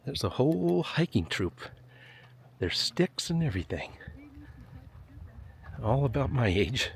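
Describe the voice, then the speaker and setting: A gravelly, medium-pitched male voice, very animated but a little slow, narrates a hike along a desert canyon trail, with slight background noise. He vlogs casually, talking to himself in a joking, self-deprecating way and sighing now and then as he climbs.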